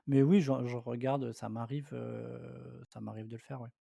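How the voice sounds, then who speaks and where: A man's voice: mid-range voice, steady tone, creaky, warm tone, no echo. Joking man with a dry, close sound. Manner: joking, halting, trails off into a mutter. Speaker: podcast co-host. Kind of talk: casual chat among friends. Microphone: online call setup.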